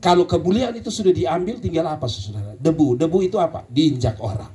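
A man with a Kupang Malay accent, preaching a sermon and telling stories, rising to emphatic bursts and dropping low. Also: expressive, quick pace, dark tone. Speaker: pastor.

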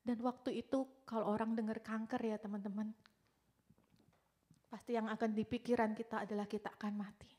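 A young woman giving an emotional sermon testimony, dropping to hushed whispers and rising to loud cries. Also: fairly high pitch, level tone, brisk. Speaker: testimony speaker.

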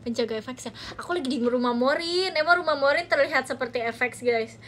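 A woman's voice: high-pitched, quick pace, a bit bright, a little hiss or hum. Playful young woman hosting a phone livestream. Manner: playful, teasing, reads viewer comments aloud. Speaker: livestream host. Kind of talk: casual livestream chat. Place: a friend's home, indoors.

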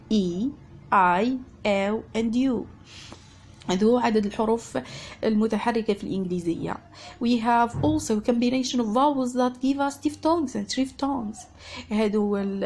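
A woman English teacher with an Algerian accent giving an exam revision lesson, speaking slow, deliberate English and rapid dialect explanations. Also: mid-range voice, slight background noise.

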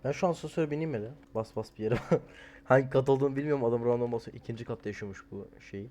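Jokey young man yelling through a horror game. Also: medium pitch, racing. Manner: jokey, swings from mumbling to loud panicked yelling. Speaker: gaming streamer. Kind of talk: horror game let's play commentary.

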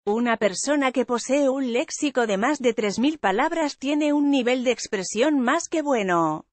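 A woman reading a news article aloud in an even, measured way, as a news voice-over. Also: sits high, dry recording. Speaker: news reader.

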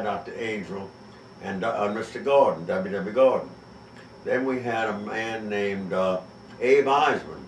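An older man telling stories in a rambling way, halting often. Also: lowish voice, a little hiss or hum. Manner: rambling, halting with many pauses. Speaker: interviewee recalling a prank. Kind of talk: casual storytelling. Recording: echoey room from a distance.

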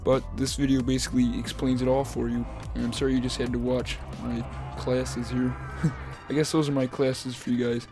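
A man talks through a video game in a loose, rambling way, full of ums and uhs and repeated phrases. His pitch stays flat and even throughout. Soft background music runs faintly under his voice. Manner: rambling, repeats himself, many fillers; says he is talking fast to keep it short. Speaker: gaming YouTuber. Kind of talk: casual gaming commentary.

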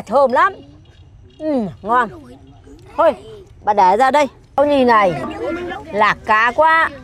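An older woman, a cooking vlogger, cooks and serves food to guests amid a noisy crowd. Her high, fairly bright voice is chatty and coaxing, full of exclamations.

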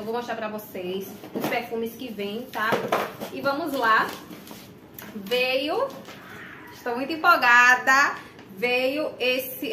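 A young Brazilian woman with a Bahian accent talks straight to her viewers, cheerful, with a bright voice set a bit high. The sound comes off a camera mic in a small bare room that echoes. Faint street sounds hang in the background. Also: slight background noise. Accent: Bahian Brazilian Portuguese. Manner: chatty, addresses viewers often. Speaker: vlogger. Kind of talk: casual unboxing chat. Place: small room indoors, plain wall.

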